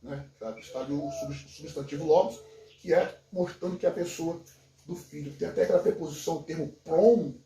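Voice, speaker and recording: A man's voice: fairly high pitch, brisk, dark tone. A man who teaches Greek, explaining scripture in a casual conversation with enthusiasm and emphasis. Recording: echoey room, distant from mic.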